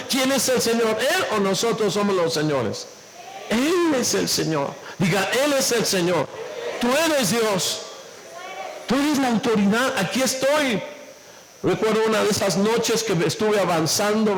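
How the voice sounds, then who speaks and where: High-voiced pastor preaching in an echoey hall. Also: male voice. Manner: asks the congregation many questions; acts out quoted voices in a lower tone. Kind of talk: sermon. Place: church. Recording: echoey church hall with faint room noise.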